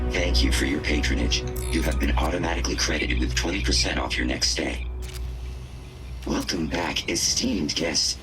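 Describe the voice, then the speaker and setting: An actor voicing a polite male robot concierge at a resort, formal and endlessly apologetic like a butler. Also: a bass voice. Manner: formal, overly courteous, apologetic. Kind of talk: video game voice acting.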